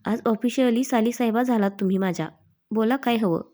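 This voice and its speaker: A woman with a Marathi accent reads a romance story aloud in a warm, mellow voice that sits a little high. She speaks every character's lines in her own voice without putting on separate voices. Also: brisk. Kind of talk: scripted story narration.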